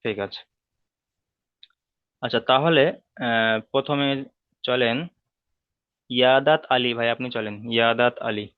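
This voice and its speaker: A male teacher leads an online class, drilling each sound slowly and patiently. His voice comes through a narrow, tinny, phone-like line. The sound is dry and close, with no room echo. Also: mid-range voice, fairly even intonation, clear, resonant tone. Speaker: Arabic reading teacher.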